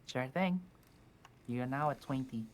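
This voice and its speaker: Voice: mid-range voice, measured pace. Supportive player cheering on the captain. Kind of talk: casual tabletop game talk.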